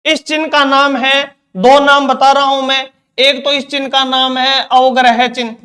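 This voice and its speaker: A man's voice: very high voice, flat delivery, moderate pace, pushed and bright. A man teaching Hindi grammar in an exam-prep lecture, asking questions and answering them himself, repeating key terms.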